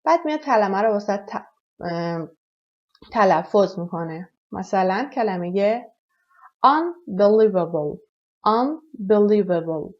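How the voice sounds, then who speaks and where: A woman teaches everyday English questions. She says each model sentence slowly and carefully and gives her explanations at a brisk pace. Her voice sits at a middle pitch, and the recording sounds a little dull and lo-fi. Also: animated. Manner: repeats English phrases slowly and clearly, explains quickly in Persian. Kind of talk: language lesson, slow model sentences.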